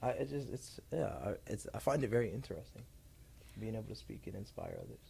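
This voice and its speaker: A man in his twenties, a podcast guest, talking in a laid-back, slangy way with halting restarts. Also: on the low side, expressive, vocal fry, dark tone, slightly rough. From Columbus, Ohio. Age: 20s. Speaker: guest, speaker and real estate entrepreneur. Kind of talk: casual interview chat.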